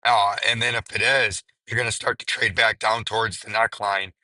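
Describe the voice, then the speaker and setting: A man hosting a market commentary video, hoarse and raspy, his strained voice nearly gone. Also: on the low side, fairly even intonation, moderate pace, sharp tone, dry recording, low-quality recording. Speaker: crypto video host.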